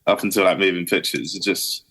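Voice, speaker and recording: A man talks as a podcast guest. His voice sits fairly low, and his speech is eager and loose. He drops the odd swear word and trails off his sentences with "you know". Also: a little fast, pushed and bright. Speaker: guest guitarist. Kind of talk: casual podcast chat.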